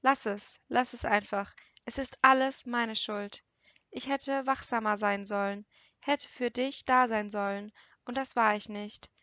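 A shaken young man talks in a strained, urgent voice, as a woman reads him. Her voice sits somewhat high and the sound is close and dry, like an audiobook recording. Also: fairly even intonation, unhurried, bright, forceful tone, no room sound. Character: shaken young man, confessing a dark secret.

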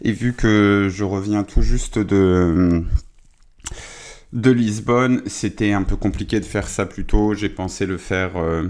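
A man's voice: on the low side, slow, darkish tone. A tired man casually debriefing a football match on his live stream, chatty and full of hesitations and restarts.

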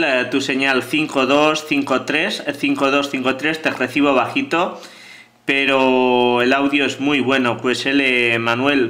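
A ham radio operator calls out phonetic call signs and contact details. His voice is middle-pitched, bright and forward.

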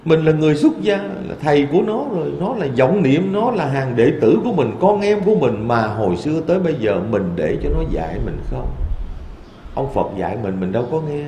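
A man, a Buddhist monk, giving a dharma talk in a temple hall with lively storytelling. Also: a little high, brisk, a little hiss or hum. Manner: lively storytelling, quoting voices in asides.

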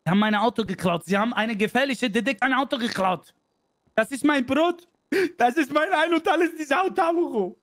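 A man's voice: extremely high pitch, fairly quick, a bit bright, no room sound. A man voicing a bumbling male police detective who speaks broken German with Turkish interjections, in a casual game role-play. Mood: stern. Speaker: roleplay player.

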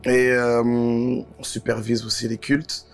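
A man's voice: mid-range voice, completely flat delivery, slow pace, faint music behind. A man, a trainee pastor, introducing himself as a guest on a TV studio talk show in a hesitant, rambling way. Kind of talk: self-introduction in a studio interview. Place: TV studio set.

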